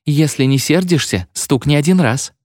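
A man reading a story, voicing an excited young woman who pleads with a spirit at a séance. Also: on the high side, normal speed, no room sound, clean studio sound, voice pushed up, lightly acted. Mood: pleading. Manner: pleading, breathless.

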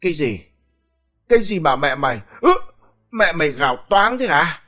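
A man's voice: on the high side, very animated, moderate pace, sharp tone, faint music behind, voice pushed up. Man voicing a drunk old village man; slurred, drawling, belligerent, in a told story. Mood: drunken anger.

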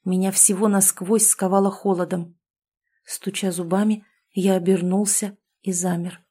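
Female audiobook narrator, dark mellow tone, hushed and somber. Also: mid-range voice, little pitch movement, measured pace, breathy edge. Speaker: audiobook reader. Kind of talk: first-person gothic story narration.

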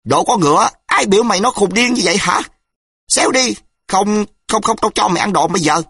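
A man's voice: fairly low pitch, animated, normal speed, fairly bright tone, slightly rough, no room sound, studio quality, heavily acted. A man voicing a menacing, brutal tough man who snarls threats. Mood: furious.

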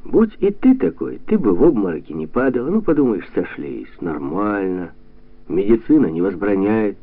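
Man reading as blunt jovial heavyset man, lecturing, lively swooping pitch, gravelly, tinny radio sound. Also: normal speed, exaggerated voice. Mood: bantering. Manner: bantering, preachy, jumps up in pitch.

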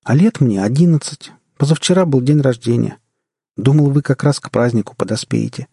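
A man's voice: mid-range voice, brisk, gravelly, warm tone, slightly rough, no echo, clean studio sound, pitched above the performer's own voice. A man voicing an eleven-year-old boy trapped in an old man's body, speaking in a raised, eager, friendly voice in an audiobook.

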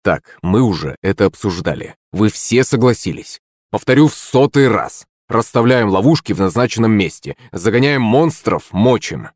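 A man's voice: on the low side, expressive, normal speed, a little mellow, dry recording, clean studio sound. A man voicing a bitter, vengeful former monster hunter who talks tensely and mutters.

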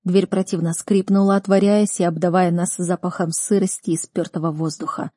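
A woman reading a first-person fantasy audiobook in a tense, measured manner. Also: lowish voice, flat delivery, mellow, husky, no echo, studio quality. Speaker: audiobook reader.

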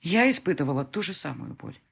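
A woman narrating a first-person audiobook with emotional, intimate delivery. Her voice is low and husky, and her pitch moves widely. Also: big pitch swings, a little fast.

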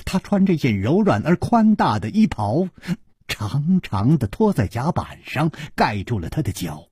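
A man narrating a story in a slow, measured, expressive storytelling style. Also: a little high, breathy edge, no room sound, studio quality. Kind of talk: Chinese storytelling broadcast.

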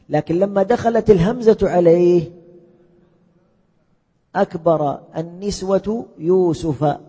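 In a lecture hall, a male teacher with a husky, mellow voice that sits high runs a class, firing off questions and repeating his students' answers back. The audio is muffled and lo-fi, carrying the long reverb of a large hall.

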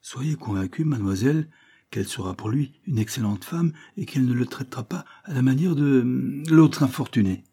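A man's voice: medium pitch, normal speed, warm tone, slightly rough, voice pushed up. Man playing a timid, polite old clerk. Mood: deferential. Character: timid, fussy old male law clerk. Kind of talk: audiobook character reading.

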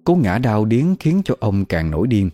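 A man narrates a scripted horror tale at a steady, measured pace. His voice is very deep and dark, and soft music plays faintly underneath. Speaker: storyteller.

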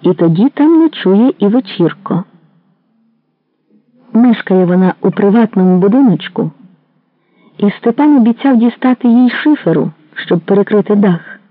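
A narrator reads a literary novel in a measured, even manner. The sound is narrow and phone-like, like an old radio broadcast. It is dry, with no room around it. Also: medium pitch, dry recording. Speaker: audiobook narrator. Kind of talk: literary audiobook reading.

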